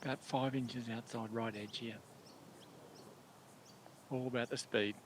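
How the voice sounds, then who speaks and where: A man's voice: medium pitch, steady tone, measured pace, slight background noise. A man giving live, conversational golf commentary in blunt, colourful turns of phrase.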